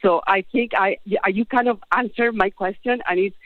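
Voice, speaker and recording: Woman in her 50s from chile calling in, halting, tinny dry phone line. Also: medium pitch, fairly even intonation, no echo. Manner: hesitant, with many restarts and fillers. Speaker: caller. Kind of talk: phone-in call.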